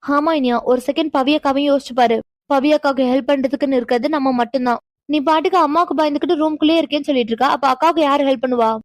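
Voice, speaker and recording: A woman voices a nervous young woman in a cartoon who trips over her words and keeps pleading. Her voice is very high and quick, and it sounds dry, close and studio-clean. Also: fairly even intonation, no echo, close to an everyday voice. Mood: urging. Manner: stammering, jittery, pleading. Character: flustered young woman [name], nervous and stammering. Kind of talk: animated cartoon dialogue.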